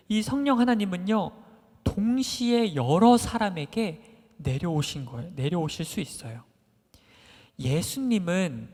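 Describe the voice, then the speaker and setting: Animated children's preacher in a reverberant hall. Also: mid-range voice. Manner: animated storyteller, questions to the children, constant filler "막". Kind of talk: children's sermon storytelling. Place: church worship hall. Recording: long reverb of a large hall.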